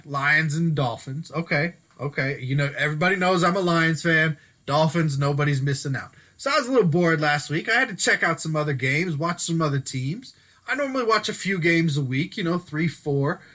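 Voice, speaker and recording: A man's voice: fairly high pitch, bright, forceful tone. A man hosting a solo sports show in a casual, chatty way, sometimes stopping to correct himself. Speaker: sports podcast host. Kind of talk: solo sports commentary talk. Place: Denver.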